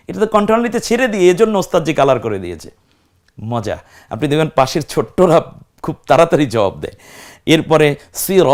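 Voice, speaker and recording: A man's voice: on the high side, a little mellow. A man teaching Quran recitation, explaining step by step and drawing out the Arabic syllables he demonstrates. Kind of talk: recitation lesson.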